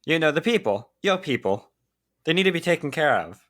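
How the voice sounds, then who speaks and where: A man playing a flustered young nobleman who tries to sound grand and formal, but keeps getting exasperated with his servant. The voice is mid-pitched and bright, with some edge to it. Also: big pitch swings, brisk.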